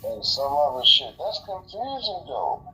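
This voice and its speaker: In a casual, opinionated phone conversation, a man speaks emphatically in profane slang, repeating words to drive his point home. His voice swings widely in pitch, his pace is unhurried and his tone sharp. The phone audio is dull and noisy, with rumble.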